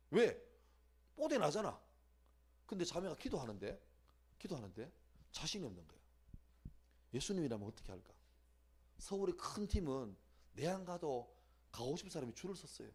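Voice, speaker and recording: A middle-aged man preaching to teenagers at a church retreat, switching between hushed asides and loud acted-out prayers. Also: a little high, breathy edge. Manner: animated, swings from hushed to shouting, acts out prayers. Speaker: youth pastor. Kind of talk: sermon. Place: church youth winter retreat.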